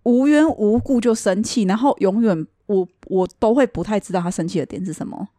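A young woman, chatting casually and telling animated stories, often laughing. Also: brisk, dry recording, studio quality. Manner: animated, laughing often, quoting people in a lower voice. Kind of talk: casual chat, storytelling about ex-boyfriends.

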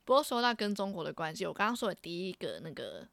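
Lively young woman telling stories. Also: fairly low pitch, fast, creaky, dry recording. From Taiwan. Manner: animated, laughing often, with many restarts. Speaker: podcast co-host. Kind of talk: casual storytelling chat.

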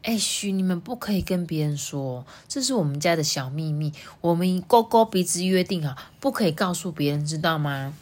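A woman voicing a scolding elephant mother in a storybook, shrill and sharp. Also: lively intonation, moderate pace, hardly any pauses. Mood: hushing.

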